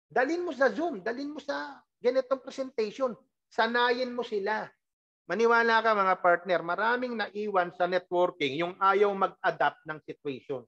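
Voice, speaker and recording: A network marketing team leader giving an animated, emphatic motivational training talk, full of rhetorical questions and laughing while teasing the team. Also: medium pitch, normal speed, highs cut off.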